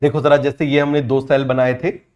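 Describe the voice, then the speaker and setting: A young man teaching biology for an exam, drilling students with repeated quick questions and answers, and using English terms with an Indian accent. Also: mid-range voice, level tone, a little mellow, dull audio. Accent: Indian English terms within Hindi speech. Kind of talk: exam-prep lecture.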